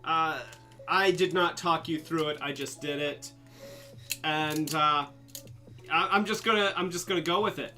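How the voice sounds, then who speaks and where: A man's voice: fairly high pitch, measured pace, pushed and bright. A man hosts a casual live stream while a little drunk, his words slurring as he rambles and restarts. Faint music plays behind him. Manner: rambling, restarts, a bit tipsy. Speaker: host of a toy live stream.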